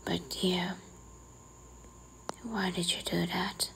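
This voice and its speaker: A woman in a whispered role-play, playing a strict, teasing librarian who quietly scolds a careless visitor. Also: on the low side, steady tone, drawn-out words, creaky, slight background noise, heavily acted. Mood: hushed, stern.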